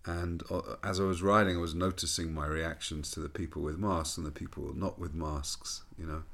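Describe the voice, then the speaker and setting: A man, a rabbi, giving a measured, thoughtful spoken reflection that moves between reading a poem and telling a personal story. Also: a bass voice, fairly even intonation, vocal fry, fairly bright tone.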